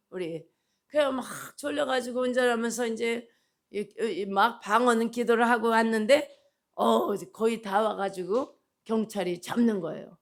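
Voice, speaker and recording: Animated Korean woman pastor preaching. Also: a little high. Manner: animated, acts out dialogue with laughter. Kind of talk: sermon storytelling.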